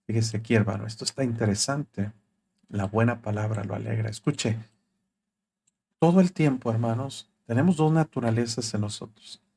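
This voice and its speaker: A man's voice: medium pitch, moderate pace, vocal fry, mellow, slightly rough. A man preaching as a pastor on a live broadcast, voicing quoted thoughts with rising emphasis.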